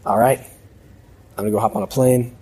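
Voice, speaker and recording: A man with a hoarse smoker's rasp, talking as host in a casual, reflective, off-the-cuff audio diary and often repeating a phrase as he goes. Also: medium pitch, steady tone, moderate pace, mellow, rough recording. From United States. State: hoarse voice from a long trip. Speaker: podcast host.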